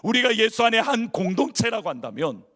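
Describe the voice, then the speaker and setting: A man with a notably high voice delivers a church sermon. He throws questions to the congregation and slips into acted-out inner monologues of worried churchgoers. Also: big pitch swings, a little fast, bright, forceful tone. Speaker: pastor. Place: church sanctuary.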